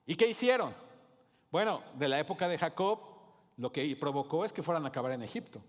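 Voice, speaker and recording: A man preaches a sermon, his voice sitting a little high for a man. He leans into key words with rising emphasis and calls out to the congregation. The sound rings with the long reverb of a church hall. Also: animated, brisk. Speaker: pastor.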